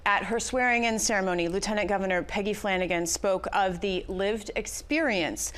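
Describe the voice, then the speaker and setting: A woman interviewer asking prepared questions in a measured, formal broadcast manner. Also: mid-range voice, a bit bright.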